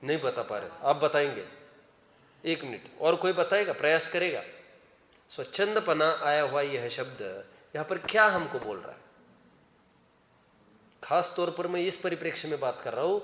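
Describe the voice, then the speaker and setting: Male scripture teacher with a high voice who quizzes his students, recorded in a roomy hall with a long echo. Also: animated, normal speed, long pauses, a bit bright. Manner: questions students by name, urges hands up. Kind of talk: classroom scripture lecture. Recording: echoey hall reverb.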